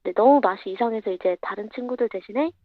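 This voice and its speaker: A young woman speaking as an interview guest over a remote line, her voice disguised by a pitch-changing filter, answering in a quiet, measured way. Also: dry recording. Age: young adult. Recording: dull, muffled remote line.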